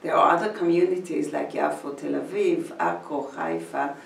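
An older Swiss woman, a community educator, talks to camera about her village from an indoor room with a painted mural behind her. Her deep, gravelly, roomy voice keeps a fairly even intonation as she speaks in measured phrases broken by pauses. The room is echoey and the mic is placed at a distance.

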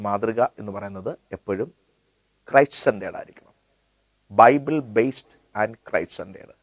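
A middle-aged man, a pastor teaching a Bible study in a measured, rhythmic way, on a lapel mic in a studio. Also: medium pitch, vocal fry, no room sound. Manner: measured, rhythmic delivery, mixing in English phrases. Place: indoor studio set.

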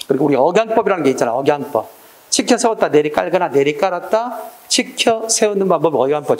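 Man teaching an exam-prep class, lively up-and-down pitch, quizzing students, acting out little scenes. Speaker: lecturer.

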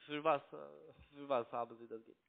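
A young adult man places a scam call and argues over the phone, insistent and repetitive, in broken, non-native speech. He carries a foreign accent, and his first language is not German. His voice is medium-pitched and brisk with fairly even intonation, heard over a tinny, narrow-band line.

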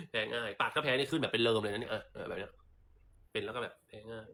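Man, livestream seller, casual sales chat, sassy, theatrical asides, bright voice. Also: mid-range voice, quick pace.

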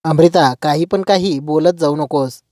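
A woman's voice: sits low, a little slow, warm tone, dry recording, studio quality. A woman voicing a worried mother who defends her daughter. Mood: defensive. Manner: pleading, defensive. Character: anxious protective mother.

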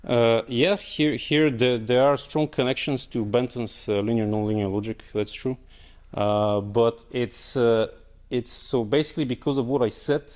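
With a steady, slightly mellow mid-range voice at a moderate pace, a young conference speaker delivers a technical talk and Q&A in a lecture auditorium. He's hesitant, full of fillers and restarts.

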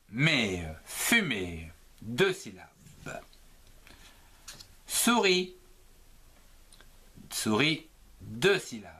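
A man gives a children's lesson on syllables, spelling each word out letter by letter at a very slow pace. His pitch rises and falls in a lively way, and his tone is bright with a breathy edge.

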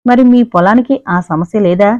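A woman voicing a playful, pampered rich young woman who talks in a lively, teasing way. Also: medium pitch, normal speed, dry recording, natural voice. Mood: curious. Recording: dry, narrow phone-like sound.

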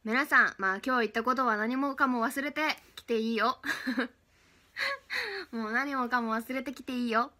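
A woman's voice: on the high side, expressive, normal speed, pushed and bright. A young woman hosting her own livestream, chatty and giggly, thanking viewers one by one. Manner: chatty, giggly, reads out fan names and thanks. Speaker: idol livestream host. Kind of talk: casual livestream chat.

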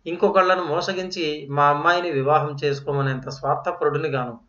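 A man voices a principled older professor, firm and fatherly in every word. The voice sits a bit high. The recording is roomy and dull, like a lo-fi audio story. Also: steady tone, brisk, a bit bright, lightly acted.

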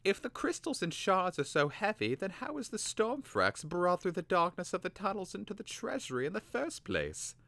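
Vilnix, a man putting on a high, scheming young apprentice. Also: huge pitch swings, moderate pace, creaky, hardly any pauses, a bit bright, no room sound, exaggerated voice. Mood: wheedling. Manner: wheedling, tentative.

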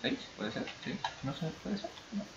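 A man's voice: high voice, very animated, normal speed, highs cut off, background noise. A man from the Basque Country with a mixed Basque and Brazilian accent, chatting casually as he comments on his gameplay. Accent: mix of Basque and Brazilian Spanish. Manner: rambling, chatty, talks to himself. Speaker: gaming YouTuber.

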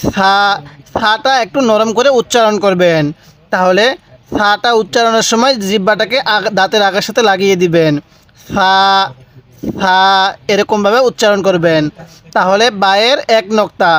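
Male teacher, high-pitched, patient step-by-step letter lesson with call-and-repeat drills. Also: a bit bright. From Bangladesh. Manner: slow, repeats each letter and asks listeners to say it back. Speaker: Quran reading teacher.

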